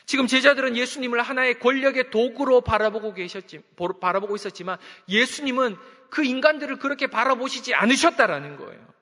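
A man preaching a sermon in a strikingly high, bright voice. He presses his point with rhetorical questions and keeps calling out to the congregation. His words ring out with the long reverb of a large hall. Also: a little fast, few pauses. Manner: earnest, with rhetorical questions and repeated appeals to the congregation. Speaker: pastor.

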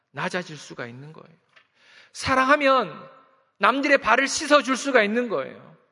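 A man preaching a sermon in a strikingly high, bright voice. He presses his point with rhetorical questions and keeps calling out to the congregation. His words ring out with the long reverb of a large hall. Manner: earnest, with rhetorical questions and repeated appeals to the congregation. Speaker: pastor.

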